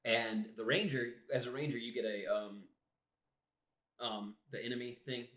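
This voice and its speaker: Bright-voiced man telling a game story. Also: medium pitch, normal speed, roomy sound. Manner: animated, acts out quotes while telling a story. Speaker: podcast co-host. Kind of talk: casual storytelling chat.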